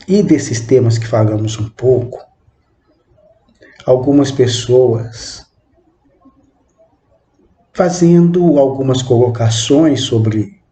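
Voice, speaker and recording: Unhurried young man in a roomy space. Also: medium pitch, dark tone. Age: 20s. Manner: halting, measured phrasing with frequent questioning tag words. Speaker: channel host. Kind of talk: reflective spoken monologue. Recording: roomy echo with faint background noise.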